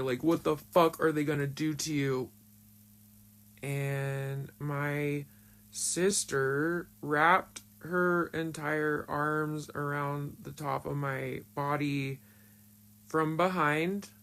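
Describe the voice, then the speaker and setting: A narrator whose voice is disguised speaks slowly and deliberately. They recount a personal story in a casual, unscripted way. The telling is blunt and frank, with plenty of cursing. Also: mid-range voice, fairly bright tone. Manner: blunt and frank, swears often, emotional retelling. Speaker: storyteller recounting their own past.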